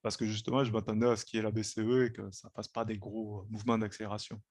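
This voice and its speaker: A man's voice: lowish voice, fast talker, no echo, clean studio sound. A man hosting a live trading stream, giving casual, explanatory market commentary. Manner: relaxed, explanatory, repeats "hein" and "quoi".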